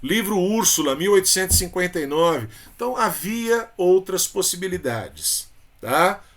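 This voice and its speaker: Man, Brazilian Portuguese accent, high-pitched voice, chatty literature teacher, fond tag questions. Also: animated, moderate pace, a bit bright. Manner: chatty, calls students "coração", frequent tag questions. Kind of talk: exam-prep literature lesson.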